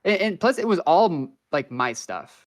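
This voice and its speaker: A man's voice: a little high, sing-song, moderate pace, a crowd in the background. A man guest on a podcast, telling long rambling stories in casual slangy chat, full of fillers.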